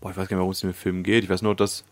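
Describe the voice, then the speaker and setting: Low-voiced wry man chiming in. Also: little pitch movement, no room sound. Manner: quick interjections and questions, wry. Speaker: podcast co-host. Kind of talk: casual film chat.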